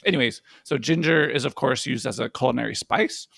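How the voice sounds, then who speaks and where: A young man with a very gravelly, husky voice co-hosts a casual health podcast. He explains science in plain, easygoing words and laughs easily. The sound is dry and close. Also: medium pitch, fairly quick, fairly bright tone, dry recording. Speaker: podcast co-host, physician.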